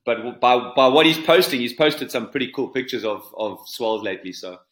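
On a podcast interview, a South African surf coach speaks animatedly and emphatically, repeating phrases for effect. His voice is medium-pitched at a moderate pace, and the recording sounds roomy.

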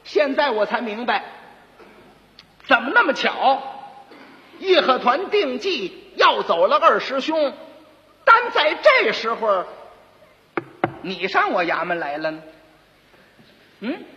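A man's voice: very high-pitched, sing-song, slow, long pauses, pushed and bright, heavily acted. A man with a Beijing accent voicing a hot-tempered, panicking county magistrate who blusters and stammers. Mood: accusing. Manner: pleading then blustering, stammering. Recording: dull lo-fi recording with long reverb.

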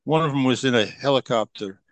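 Speaking briskly in a mid-range voice, a middle-aged man on a podcast spins long, rambling stories packed with fillers and false starts. The casual storytelling is recorded with no echo.

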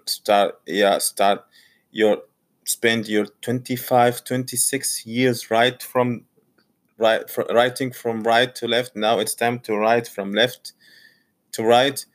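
This is a casual personal monologue on learning English from a Saudi graduate student and teacher, Arabic being his native language. Haltingly, in a mid-range voice, he keeps restarting and repeating his phrases.

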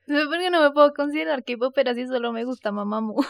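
High-voiced woman chatting playfully on a podcast. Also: a little fast, no echo, studio quality. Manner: playful, animated storytelling with vocal asides. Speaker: podcast co-host. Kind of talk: casual podcast chat and anecdotes.

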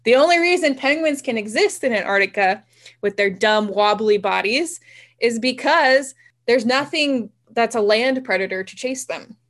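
A woman's voice: on the high side, lively intonation, moderate pace, fairly bright tone. A woman, casually chatting as a podcast co-host, rambling and laughing often. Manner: enthusiastic about marine biology. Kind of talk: casual chat.

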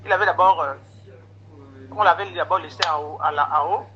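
A man's voice: on the high side, brisk. A man casually telling a long story, animatedly retelling conversations and quoting what people said to him. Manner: animated retelling of conversations with many quoted exchanges. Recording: dull lo-fi recording.

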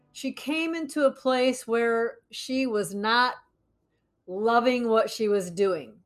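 Podcast host: woman, slightly high voice, welcoming delivery, clear music bed underneath. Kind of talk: scripted podcast intro. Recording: music playing behind.

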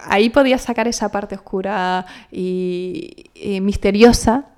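A woman's voice: medium pitch, measured pace, a little mellow. A young adult woman from the Canary Islands, an actress being interviewed, talking expressively and thoughtfully with frequent restarts. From Canary Islands, Spain. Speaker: actress, guest. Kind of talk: casual interview chat.

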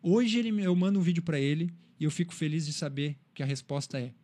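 A man talks quickly in a casual interview. His voice sits a little high, and he tells stories with energy, acting out the people in them. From Brazil, São Paulo. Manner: animated storyteller, acts out quotes. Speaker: interview guest, cycling content creator.

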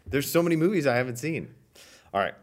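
A man hosting a church podcast, running a playful quiz in casual chat and reading quotes aloud slowly. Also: mid-range voice, expressive.

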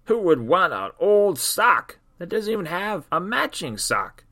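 Casting: male narrator putting on a sour, gloomy old sock, higher pitched and pushed. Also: sing-song, measured pace, bright, forceful tone, heavily acted. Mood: bitter. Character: gloomy grumpy boy sock, bitter and pessimistic.

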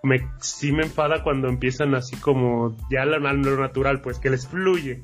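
A man's voice: mid-range voice, fairly even intonation, moderate pace, faint music behind. A man with a Mexican accent, co-hosting a podcast in casual chat, hesitant and full of fillers as he explains. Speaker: podcast co-host.

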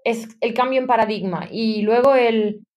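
A woman's voice: on the high side, steady tone, normal speed, a little mellow. A woman in her thirties from Spain, a guest in a conversational interview, chatty and mixing English business terms into her talk. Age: 30s. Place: London.

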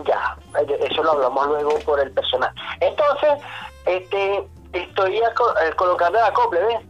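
Animated man telling a work story. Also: high-pitched, moderate pace, muffled recording, faint music behind. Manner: animated, swears, addresses listener as brother. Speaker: podcast guest, mechanic. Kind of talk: casual storytelling.

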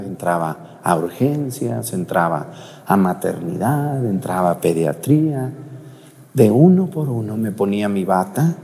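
A middle-aged Mexican-accented priest gives a sermon, telling stories and addressing the congregation directly. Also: male voice, fairly low pitch, warm tone. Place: church. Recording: reverberant church.

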